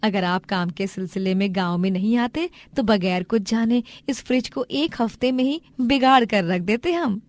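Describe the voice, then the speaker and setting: A homely village wife and mother from a cartoon story, played by a woman. She sounds earnest and plain-spoken, with rustic village speech. Her voice is mid-pitched, close to an everyday woman's voice. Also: normal speed, hardly any pauses, close to an everyday voice. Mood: grateful.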